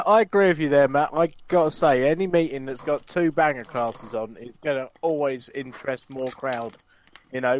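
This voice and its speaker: A man co-hosting a casual podcast, talking in a relaxed, agreeable, conversational way. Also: medium pitch. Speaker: podcast co-host.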